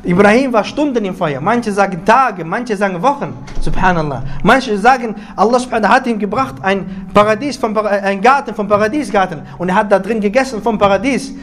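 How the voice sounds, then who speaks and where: A man preaching a Friday sermon, retelling a story in an animated way, often repeating and restarting words and dropping Arabic religious phrases into his speech. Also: high-pitched, fairly quick, few pauses, slight background noise.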